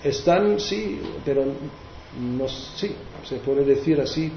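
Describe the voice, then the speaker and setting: A man's voice: medium pitch, animated, slow pace, a little hiss or hum. A man leading a devotional class, explaining verses in a hesitant way with many restarts. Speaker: spiritual teacher. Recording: roomy, dull recording.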